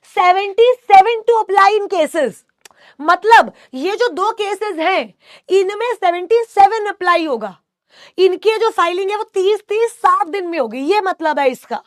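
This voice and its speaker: A woman's voice: very high voice, expressive, unhurried, no room sound, studio quality. A woman teaching an online exam coaching class, reading students' chat questions aloud and answering with playful teasing.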